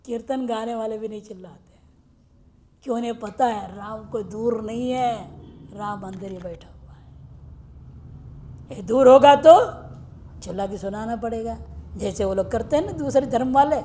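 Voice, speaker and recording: A woman teaching Sanskrit grammar in a lecture. She quizzes her listeners and recites the rules slowly. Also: on the high side, warm tone. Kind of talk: classroom lecture explaining grammar.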